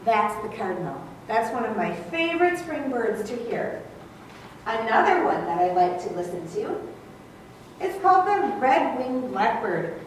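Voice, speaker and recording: A woman naturalist teaches children about nature, gently coaxing them along. Her voice sits high and swings in pitch. It echoes heavily in a room and sounds distant from the mic. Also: big pitch swings, a little slow. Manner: gently coaxing, talks to kids as friends. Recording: very echoey room, mic far off, faint background hum.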